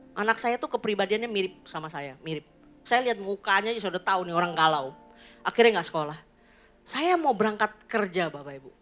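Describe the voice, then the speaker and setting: Woman pastor in her 40s giving a sermon, bright sharp voice, tosses in english bits. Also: medium pitch. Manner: storytelling, mixing in English phrases, addressing the congregation. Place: church.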